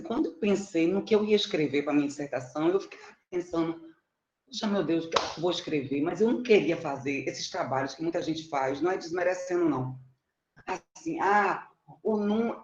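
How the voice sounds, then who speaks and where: Her lowish, darkish voice has a little hiss or hum over it, on muffled, roomy online call audio from indoors. A middle-aged woman from Salvador with a Bahian Brazilian Portuguese accent, she's a mathematics teacher informally presenting research, chatty and self-deprecating, frequently checking in with listeners.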